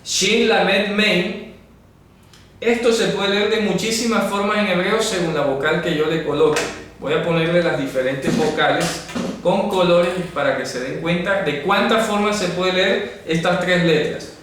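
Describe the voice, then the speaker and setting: A man's high-pitched, somewhat bright voice moves at a measured pace as he teaches Bible lessons at a board, explaining carefully and posing rhetorical check-in questions. A camera mic from a distance records the very echoey room, along with faint noise.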